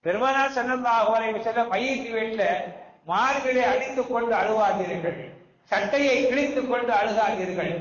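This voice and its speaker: A man's voice: high voice, roomy sound, muffled recording. A man preaching a sermon in a conversational way, often asking the listeners rhetorical questions. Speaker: Islamic preacher.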